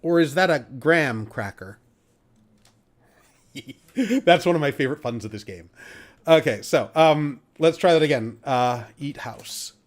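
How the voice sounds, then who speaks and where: In this casual gameplay commentary, a let's play host with a somewhat high, expressive voice speaks a little slowly. He reads out the game's text, using loose filler words and now and then a mild curse.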